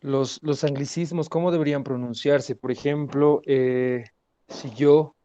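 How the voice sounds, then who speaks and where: A man's voice: on the high side, steady tone, measured pace, dark tone, clean tone, no echo, lo-fi sound. A male student asking a question in an online class, hesitant with many fillers.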